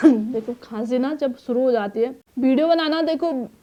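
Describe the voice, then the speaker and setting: A woman's voice: sits high, dark tone, slight background noise. A woman in her thirties from Uttarakhand who runs a boutique, answering viewer questions in a chatty, advising way from her small shop. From Uttarakhand, India. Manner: chatty and advising, reads comments aloud, pauses to cough and clear throat. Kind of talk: casual Q&A talk to camera. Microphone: phone on a tripod.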